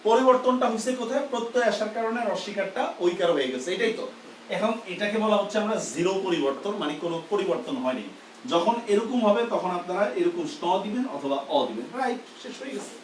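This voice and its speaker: A male grammar teacher teaches a live class, checking often that his students follow. His voice sits high for a man. He sounds set back from the mic in an echoey room with faint background noise. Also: expressive, fast talker, distant mic. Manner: explains step by step, often asking "do you understand?". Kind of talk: live online lesson.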